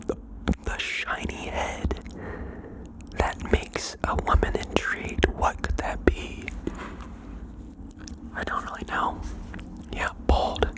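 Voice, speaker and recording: Softly and conspiratorially, an ASMR host whispers through confessions sent in by listeners, sprinkling in playful little comments. Recording quality is low.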